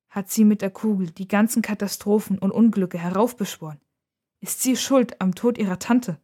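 Calm woman narrating a story. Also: fairly low pitch.

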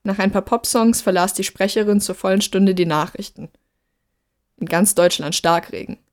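A woman narrating a story in a steady, measured reading voice. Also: mid-range voice.

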